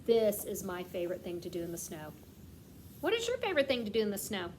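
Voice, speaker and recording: A woman of medium pitch reads a picture book to young children in the style of a kindergarten teacher. She tells the story expressively, slowing and emphasising words, and asks questions with pauses for imagined replies. There's no background noise.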